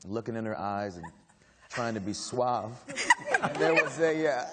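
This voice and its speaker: A man on a panel telling a casual story to an audience. He talks haltingly, with many fillers and restarts, and laughs often. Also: mid-range voice, animated, heavy background noise. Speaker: actor on a panel. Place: stage before a live audience.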